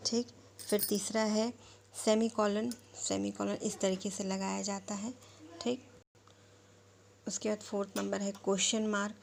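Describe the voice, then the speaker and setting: Woman teacher, mid-pitch voice, patient lesson delivery, checks in with the class often, faint background hiss. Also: creaky, darkish tone. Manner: repeats "ठीक" and "है ना" to check understanding; spells words out letter by letter.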